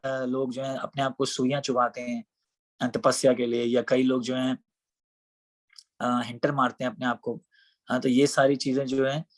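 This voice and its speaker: A man giving a devotional scripture class in a conversational way, often asking rhetorical questions. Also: medium pitch. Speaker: scripture teacher.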